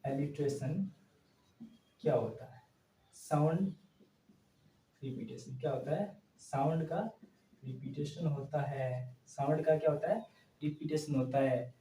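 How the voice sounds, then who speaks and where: A man's voice: a little high, slow pace, pauses often, dark tone, distant mic, slight background noise. A male teacher giving a grammar lesson, asking a question and answering it himself again and again on his phrases. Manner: repetitive call-and-response questioning. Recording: echoey room, voice from off-mic.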